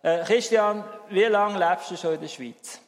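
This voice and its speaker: A Swiss preacher with a Swiss German accent and a high-sitting, slightly slow voice delivers a sermon at a church service while chatting with the congregation. He is lively, swinging between emphatic and quiet, and the recording has long hall reverb.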